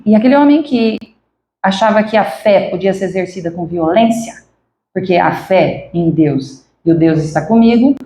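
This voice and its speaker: In the echoey lecture hall of a spiritist center, a woman addresses the congregation in a dark-toned, medium-pitched voice with vocal fry. Her talk feels like a conversation as she asks the listeners questions.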